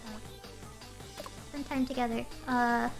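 A woman's voice: a little high, steady tone, takes it slowly, gravelly, soft background music. A young woman streaming a game in a casual, rambling way, often reading the game's lines aloud in a doting voice. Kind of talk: casual live game commentary.

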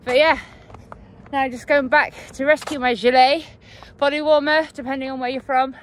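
A woman's voice: high-pitched, steady tone, moderate pace, slight background noise. Breathless woman vlogging a run. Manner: chatty, rambling with fillers. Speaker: running vlogger. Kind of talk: casual vlog while running. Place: outdoors, cold night.

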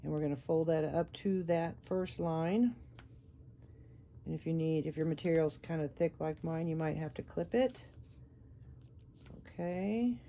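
A middle-aged woman talks through a sewing project in an unhurried, mellow voice. She is chatty and encouraging and narrates each step as she works. A faint hiss sits under the recording. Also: lowish voice. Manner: chatty, encouraging, thinks aloud while working. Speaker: sewing instructor. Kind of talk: casual sewing tutorial.

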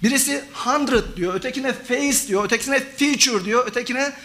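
High bright-voiced man giving a lecture. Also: normal speed. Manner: lecturing, addresses audience as friends, lists synonyms. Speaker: conference speaker, professor. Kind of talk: academic conference talk. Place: conference hall.

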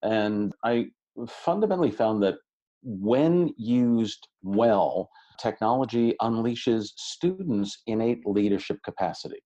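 A man over sixty, a podcast guest and education researcher, answering questions in an articulate, relaxed and welcoming way with occasional fillers. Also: lowish voice, slow pace, highs cut off. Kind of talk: reflective interview answers.

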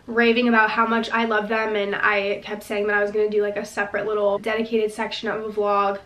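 A woman's voice: medium pitch, completely flat delivery, a little fast, a bit bright. Stuffy-voiced woman vlogging in an echoey room. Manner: chatty, says "like" a lot, enthusiastic. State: stuffy, recovering from illness. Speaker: lifestyle vlogger. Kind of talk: casual chat to camera. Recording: roomy echo, mic at a distance.

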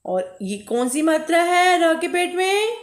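An extremely high, sing-song voice reads Hindi aloud syllable by syllable to small children, as this primary teacher refers to herself as "ma'am" and calls each pupil beta. Her vowels are drawn out, and the room echoes.

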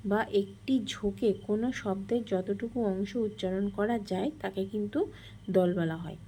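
A woman's voice: medium pitch, steady tone, moderate pace, mellow, a little hiss or hum. A woman teacher explaining a grammar lesson step by step, asking questions and answering them.

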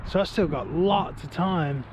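An angling vlogger in his forties chats casually on a riverbank to an action camera set nearby or held close, his voice on the high side and his pace measured. Outdoor wind and ambient noise fill the background. He keeps it laid-back, says "man" and "dude" a lot, and gets excited on landing a fish.

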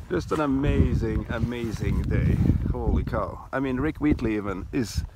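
A man's voice: medium pitch, expressive, unhurried. A man from Norway filming a companion on a snowy mountain, asking curious questions with eager enthusiasm. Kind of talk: casual chat. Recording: loud outdoor noise near the mic.

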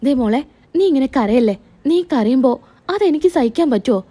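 A woman's voice: sits high, lively intonation, normal speed, dark tone. A woman voicing a caring middle-aged mother-in-law in a spoken serial recap, talking in a soothing, reassuring way.

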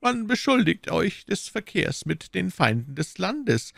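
A man voicing a stern, imperious older male cardinal in an audiobook, speaking slowly and deliberately with a menacing edge. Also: high voice, very animated, gravelly, a bit bright, dry recording, studio quality, pitched above the performer's own voice, exaggerated voice. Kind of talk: audiobook character voice.

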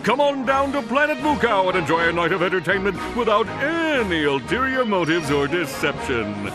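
Captain Quark, a pompous blowhard hero. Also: male voice, sits high, big pitch swings, moderate pace. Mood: hyped. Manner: pompous, showy announcer delivery. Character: boastful cowardly male superhero captain. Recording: game cutscene with loud music.

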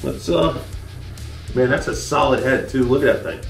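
A man's voice: medium pitch, moderate pace, gravelly, recorded from a distance. Man, joking beer reviewer, roomy, heard from afar, faint music. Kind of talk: casual roundtable chat.

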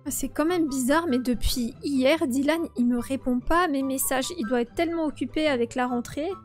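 A woman playing a teenage girl in a game role-play, chatty and expressive. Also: high voice, moderate pace, soft background music. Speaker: YouTuber playing a teen girl.

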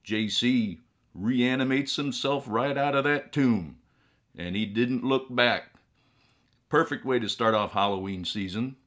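Man playing a slow, theatrical ghoulish horror host. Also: medium pitch, fairly bright tone, lightly acted. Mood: droll. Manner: horror host: theatrical, drawn-out, droll delivery. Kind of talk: comic horror-host monologue to viewers. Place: small indoor room with collectible shelves.

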